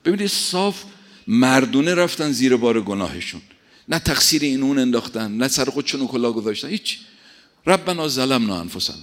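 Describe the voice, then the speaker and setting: A man preaching a sermon, animated, swinging between loud emphatic lines and soft quiet asides. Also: medium pitch.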